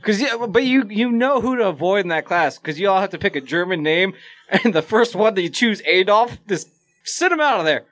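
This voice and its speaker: A man co-hosting a casual podcast, animated and swearing often, laughing as he talks. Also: high-pitched, a little fast. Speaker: podcast co-host.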